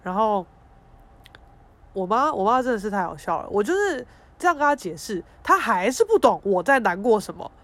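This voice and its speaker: A young woman hosts a podcast. She tells stories in a frank, expressive, emotional way and swears casually. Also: medium pitch, moderate pace. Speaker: podcast host. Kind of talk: casual storytelling monologue.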